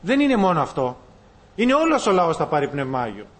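A man preaches a sermon. His delivery is animated, and he calls his listeners brothers. He swings between loud bursts and quiet asides. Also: fairly high pitch. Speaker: pastor.

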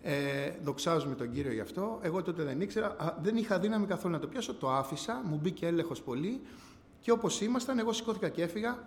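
A man giving a personal testimony to a church gathering, telling his story earnestly, often rising and falling in pitch and loudness. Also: expressive. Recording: long hall reverb, faint background noise.

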